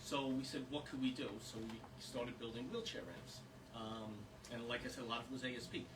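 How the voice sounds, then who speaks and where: Here a man volunteers an informal talk to a small audience in a historic house's little meeting room, earnest and rambling with fillers. His mid-range voice holds a steady tone and moves a little fast, recorded distantly with background noise.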